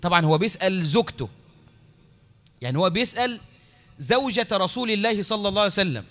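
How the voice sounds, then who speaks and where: Fast-talking Egyptian preacher. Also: male voice, high-pitched, animated, bright, forceful tone, faint music behind. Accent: Egyptian Arabic. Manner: dramatic, rising to impassioned outbursts. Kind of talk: sermon.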